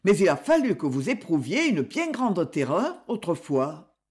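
A cultured gentleman collector, as a woman reader voices him in a storybook reading, courteous and modestly apologetic. The delivery is slow, with a lively, rising and falling pitch. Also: husky, heavily acted. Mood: pensive. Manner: polite, gently self-deprecating. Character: refined erudite male collector, courteous. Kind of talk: audiobook character reading.

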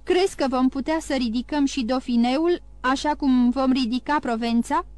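A woman reads as an aging king who barks his questions in a raised, commanding voice. He is imperious and quick to alarm. The audiobook sound is dry and close. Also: sits high, darkish tone, dry recording, lightly acted. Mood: anxious.

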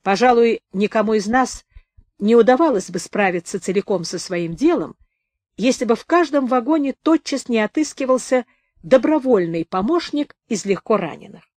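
A woman narrating a memoir audiobook in a calm, even literary reading. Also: a little high, normal speed, no room sound, clean studio sound.

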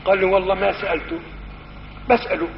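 A man with a Syrian Arabic accent teaches a religious lesson, telling stories and voicing the dialogue in shifting voices. His voice is high-pitched, creaky, expressive and very fast. The old recording is muffled, made in a reverberant hall, with slight background noise.

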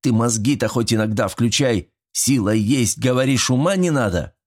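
A man voicing a gruff, bossy one-armed elderly school caretaker and war veteran who barks and scolds his son. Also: mid-range voice, lively intonation, normal speed, voice pushed up, lightly acted. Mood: scolding. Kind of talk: audiobook character voice.

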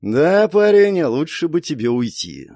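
A man voicing a smug thug who coaxes in a lowered voice. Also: very animated, a little slow, mellow, dry recording, studio quality. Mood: coaxing. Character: thug coaxing a woman in a low voice.

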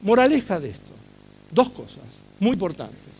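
Middle-aged Argentine man, high voice, lively talk speaker who quizzes the audience. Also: normal speed, slight background noise. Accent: Argentine Spanish. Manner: animated storytelling, asks the audience questions. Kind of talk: public talk to a live audience.

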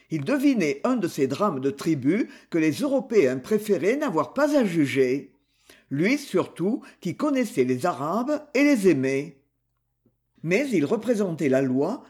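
A man reading a novel aloud as an audiobook narrator in an expressive, dramatic way. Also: high-pitched.

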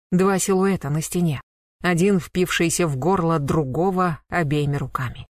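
An audiobook narrator reading a dramatic chapter in a measured, expressive way. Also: mid-range voice, no room sound, studio quality.

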